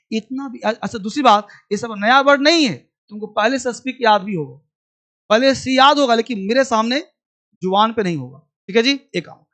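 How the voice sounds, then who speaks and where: A man's voice: sits high, a bit bright. A man teaching English to a class, drilling verb forms aloud and answering his own questions. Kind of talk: classroom lesson.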